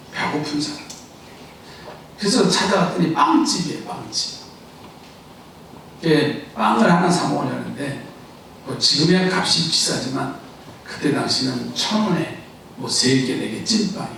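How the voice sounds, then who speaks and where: A man preaching a Sunday sermon, his fairly high voice carrying from a distance through a very echoey sanctuary. He tells a story with jokes and keeps asking the congregation to answer him, with a faint hiss underneath. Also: vocal fry, a bit bright. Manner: humorous, asks the congregation questions and urges answers. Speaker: pastor. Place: church sanctuary. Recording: very echoey hall, voice from far off.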